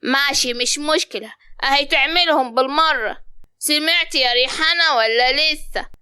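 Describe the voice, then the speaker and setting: A woman's voice: high-pitched, normal speed, sharp tone, no room sound. An actress playing a harsh, bossy older mother-in-law with an Upper Egyptian accent, scolding and giving orders. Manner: scolding, commanding.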